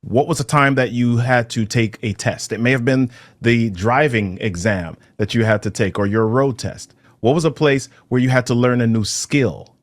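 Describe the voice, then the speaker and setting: A man who grew up in Jamaica, a guest on a podcast, explaining his ideas in a brisk, animated way with plenty of examples. His voice sits at an ordinary pitch for a man, recorded close and dry with no room sound. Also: dry recording. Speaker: podcast guest, storytelling speaker. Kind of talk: conversational interview.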